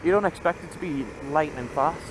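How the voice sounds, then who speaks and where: A man's voice: on the high side, a little fast. A man talking inside a motorbike helmet, chatting casually and rambling along like a vlogger as he rides. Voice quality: muffled, enclosed sound of speaking inside a helmet. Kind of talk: casual chat while riding. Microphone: microphone inside a helmet. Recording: loud wind, engine and road noise.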